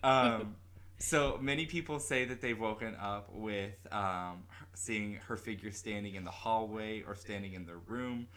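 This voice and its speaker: A man co-hosting a casual podcast, retelling a ghost story haltingly with many ums and self-corrections. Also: lowish voice, fairly bright tone. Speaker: podcast co-host.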